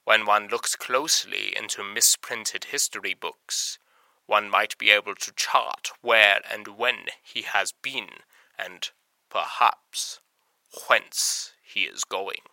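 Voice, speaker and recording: A man's voice: lowish voice, takes it slowly, gravelly, bright, forceful tone, no room sound, heavily acted, low-quality recording. A man voicing a pompous, fussy male professor character who talks in grand, archaic phrases. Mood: grandiose. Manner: pompous, theatrical, archaic words. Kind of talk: comedic podcast intro in character.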